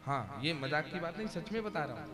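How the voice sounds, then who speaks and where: A man's voice: fairly high pitch, very animated, a little fast. A male Bhagavata katha preacher giving a devotional sermon to a seated audience, jovial and teasing as he commands them to chant and sit still. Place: religious gathering before a seated audience. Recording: live recording with loud devotional music.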